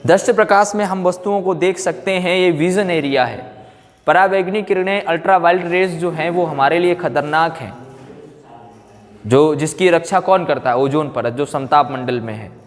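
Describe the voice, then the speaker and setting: This fairly high-pitched man delivers a physics lecture to exam students at a moderate pace, repeating phrases, asking check questions and slipping in English technical terms. The classroom is echoey, with long reverb.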